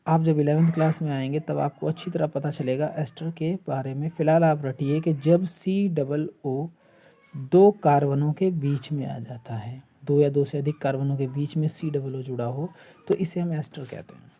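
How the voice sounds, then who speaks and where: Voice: mid-range voice, normal speed, dark tone. A teacher explaining a chemistry lesson step by step, asking rhetorical questions and restating each term.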